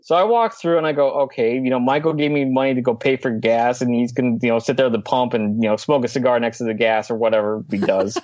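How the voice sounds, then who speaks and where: A man's voice: medium pitch, steady tone, fast, few pauses, darkish tone, dry recording, muffled recording. A man, a co-author guest in a casual remote interview, jokes, laughs often and fills his talk with "like". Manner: joking, laughs often, says "like" a lot.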